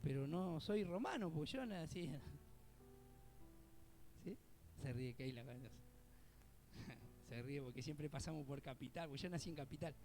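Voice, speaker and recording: A middle-aged man from Argentina with an Argentine accent, preaching a sermon in a conversational way. He asks "¿sí?" often, calls listeners "hermano", and swells loud when he quotes scripture. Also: fairly high pitch, expressive, a little slow, pauses often, soft background music. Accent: Argentine Spanish (Buenos Aires area). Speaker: co-pastor. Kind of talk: sermon with personal anecdotes.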